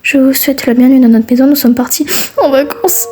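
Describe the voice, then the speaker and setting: A woman's voice: sits high, fairly even intonation, fast. A young woman doing a comedic amateur fan dub, voicing several characters in a brash, slangy manner.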